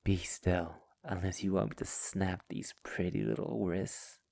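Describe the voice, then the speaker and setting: Heavily acted and angry, a man voices a cruel, possessive vampire master who has lived forever, in intimate ASMR roleplay. His taunts come theatrically in a low, breathy, gravelly voice that often nears a whisper, steady, unhurried and a little mellow.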